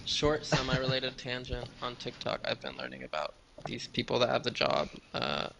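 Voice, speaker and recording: A man's voice: medium pitch, big pitch swings, moderate pace, a crowd in the background. A man narrating as game master of a tabletop game, casual and rambling with lots of fillers. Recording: clear background noise.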